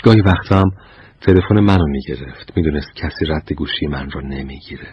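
A man with an extremely low, deep voice tells short stories in a measured, unhurried way. His phrases often drop away softly at the end. The recording sounds a little dull and muffled, with faint noise behind him. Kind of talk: scripted narration of short anecdotes.

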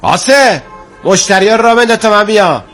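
An actor playing a younger bazaar shopkeeper in a drama, bargaining but good-hearted, colloquial and courteous. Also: male voice, low-pitched, big pitch swings, faint music behind. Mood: haggling. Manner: colloquial, street-wise, courteous.

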